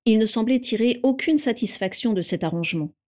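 A woman reading a fan fiction story aloud in a steady, calm narrating voice. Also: a little high, brisk.

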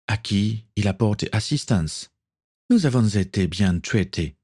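A man voicing a self-righteous, contemptuous young man in a read-aloud story, lightly raised in pitch. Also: mellow. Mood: earnest.

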